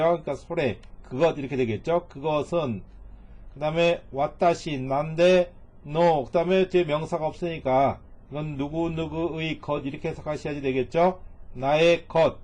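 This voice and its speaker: A man's voice: on the high side, a little mellow. A middle-aged man teaching Japanese reading in a recorded lecture, patiently repeating each phrase and translating it word by word.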